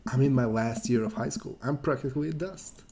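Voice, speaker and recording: A sarcastic teenage girl jabs at her father in a teasing, deadpan way, read out by a man in a mid-pitched voice. There is constant background noise under the voice. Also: brisk, vocal fry, lightly acted.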